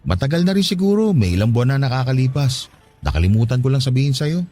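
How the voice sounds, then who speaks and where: Playing a loving, trusting, eager older brother from the province, a Filipino-accented male actor performs emotional radio drama over faint background music. His mid-range, warm voice moves fast and swings widely in pitch. He comes across as hopeful and reassuring, exclaiming and swooping as he speaks.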